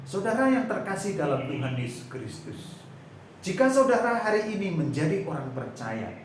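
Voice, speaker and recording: A man preaching a church sermon, dramatizing the story and pausing often with searching fillers. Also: high voice, big pitch swings, a little hiss or hum. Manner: dramatizes the story, acting out voices. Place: church hall. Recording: very echoey church hall.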